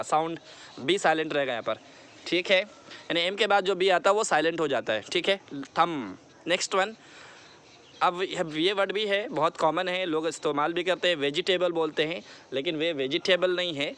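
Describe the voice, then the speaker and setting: Slow, drilling male teacher. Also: fairly high pitch, fairly bright tone. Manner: slow, deliberate, repeats words for drilling; mixes English phrases into Hindi explanation. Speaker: English teacher. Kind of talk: classroom-style lesson.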